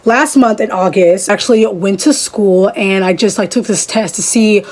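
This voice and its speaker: Young woman, beauty vlogger, casual makeup chat, rambling, chatty, quick bursts. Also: medium pitch, darkish tone. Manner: chatty, rambling, fond of "literally" and "like".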